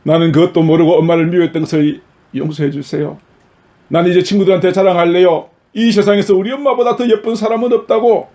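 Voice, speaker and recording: A pastor voicing a young daughter who speaks in a whiny, tearful, pleading way. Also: male voice, sits high, steady tone, quick pace, dark tone, pitched above the performer's own voice, close to an everyday voice. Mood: remorseful.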